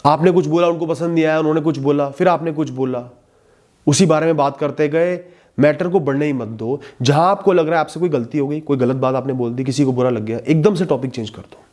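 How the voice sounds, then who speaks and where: A man giving calm, measured advice in a talk, often dropping to a soft, hushed tone. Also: fairly high pitch. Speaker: motivational speaker.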